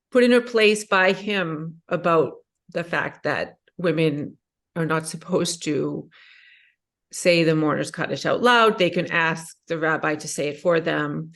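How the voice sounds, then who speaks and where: A woman's voice: low-pitched, a bit bright. A middle-aged woman asks a personal question at a book talk, hesitant and full of fillers. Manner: hesitant, many fillers and restarts. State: emotional, voice rising. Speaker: audience member asking a question.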